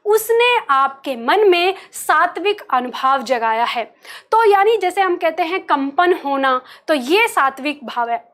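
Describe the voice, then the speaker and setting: A woman's voice: high-pitched, fairly bright tone. A woman teacher giving an exam-prep lecture, explaining with everyday examples and asking the class questions as she goes.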